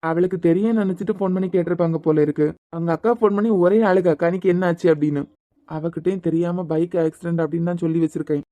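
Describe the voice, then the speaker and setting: A woman voicing a steady, comforting adult man, a doctor like an elder brother, advising a hurt young woman. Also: lowish voice, quick pace, dry recording, lo-fi sound, close to an everyday voice. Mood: reassuring. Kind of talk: Tamil audio drama acting.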